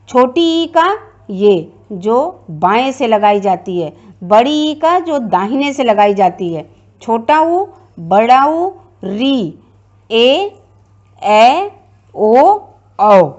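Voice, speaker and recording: A woman's voice: fairly high pitch, muffled recording. A woman teacher giving a classroom grammar lecture, explaining step by step and repeating her points.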